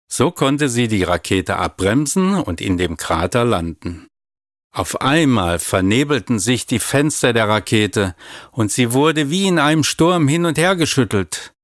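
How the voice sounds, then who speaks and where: A man calmly reading a children's story aloud. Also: mid-range voice, measured pace, no room sound, studio quality. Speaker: narrator.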